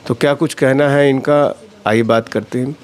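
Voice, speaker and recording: A man's voice: mid-range voice, steady tone, normal speed, noisy background. A man working as a local news reporter, introducing the scene and asking probing questions in a field interview.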